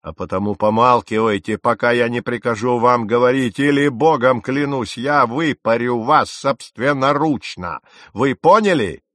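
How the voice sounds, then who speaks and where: A man's voice: mid-range voice, normal speed, dry recording, studio quality, lightly acted. A man voicing a stern, furious naval captain in an audiobook, sarcastic and commanding. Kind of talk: audiobook character reading.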